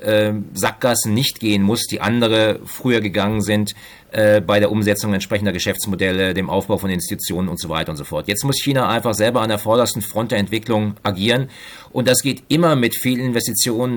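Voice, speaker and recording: A middle-aged man, an economics professor, giving careful analytical answers in an interview, pausing often to find his words. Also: fairly low pitch. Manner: measured, analytical, with frequent hesitations.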